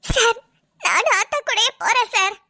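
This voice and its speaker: A woman's voice: extremely high pitch, fairly even intonation, moderate pace, sharp tone. A woman voicing a tearful, pleading young female helper in a cartoon. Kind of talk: cartoon voice acting.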